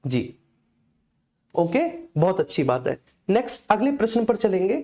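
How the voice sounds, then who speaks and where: A middle-aged woman teaches an exam-prep class with a warm, mellow voice. She repeats every key answer and speaks to her students fondly as children. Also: medium pitch, big pitch swings, normal speed. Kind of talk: online exam-prep lesson.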